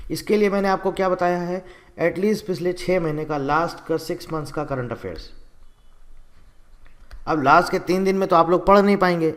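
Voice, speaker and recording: Man, higher-pitched voice, coaching teacher, exam strategy lecture, direct and instructive. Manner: direct, instructive, addresses students as friends.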